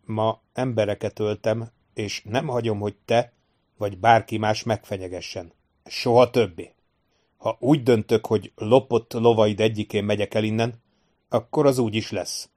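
A young warrior, grieving and defiant, with a fairly low voice and cold, clipped replies, as a male reader does him. Storybook figure speaking with hard, threatening resolve. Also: steady tone, a little mellow, close to an everyday voice.

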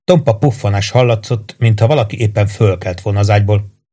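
A man reading an audiobook in an even, measured way. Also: fairly low pitch. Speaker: audiobook narrator. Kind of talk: scripted narration.

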